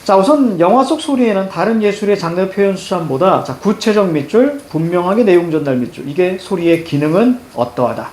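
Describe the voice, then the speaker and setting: A man's voice: high voice, a little fast, few pauses, echoey room. A man teaching a reading lesson for exams, walking students through a passage and prompting them with questions. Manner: lively, repeats "자" constantly, prompts students with questions.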